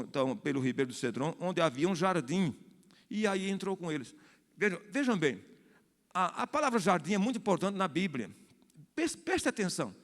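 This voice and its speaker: A man with a Brazilian Portuguese accent teaching a Bible study as a pastor, explaining at length and often checking in with his listeners. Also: a little high. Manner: explanatory, repeats and restarts phrases, asks the congregation "né?". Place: church hall. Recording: long hall reverb.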